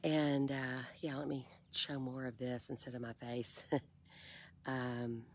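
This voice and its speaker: A woman, talking softly and half-whispering in a casual devotional vlog, filmed on a phone held at arm's length from a kayak on a lake. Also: very deep voice, level tone, slow, a little hiss or hum. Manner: soft, breathy, half-whispered, musing. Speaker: faith vlogger.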